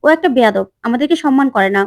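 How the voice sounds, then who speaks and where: A haughty, quick-tempered young sister-in-law, read out by a woman. Her lines come indignant and high-pitched. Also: expressive, vocal fry. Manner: indignant, snappish.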